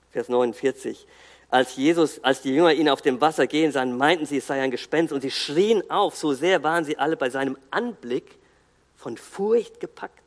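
A man preaching a sermon in an earnest, emphatic way, pausing and restarting as he builds his points. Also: fairly high pitch. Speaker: guest preacher. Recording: long hall reverb.

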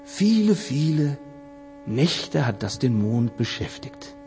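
Slow, expressive male storyteller. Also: mid-range voice. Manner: measured, dramatic pauses. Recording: long hall reverb, faint music, mains hum.

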